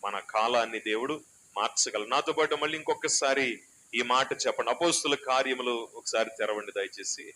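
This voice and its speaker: A pastor preaching a sermon in a small church hall, shifting between loud exhortation and soft, chatty asides. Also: male voice, medium pitch, a little hiss or hum.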